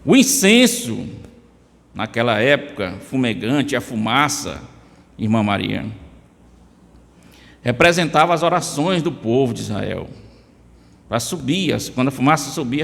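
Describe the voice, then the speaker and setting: Man, Brazilian Portuguese accent, emphatic sermon delivery in a slightly high voice, church hall echo. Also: vocal fry, a bit bright. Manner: addresses listeners by name, emphatic rises. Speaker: preacher.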